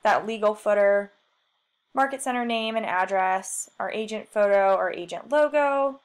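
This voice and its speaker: A woman's smooth, mid-range voice moves at a moderate pace as she conducts a screen-share software tutorial in her role as a marketing trainer. She chats freely, gently mocks herself, and thinks aloud while clicking through.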